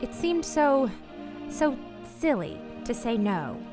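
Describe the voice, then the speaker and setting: A high-pitched, sing-song woman's voice, in full character with music behind it, plays an earnest married woman in a radio play. Narrating wistfully, the character is anxious and guilt-ridden as she tenderly confesses a secret love, speaking refinedly and hesitantly with halting repeated words.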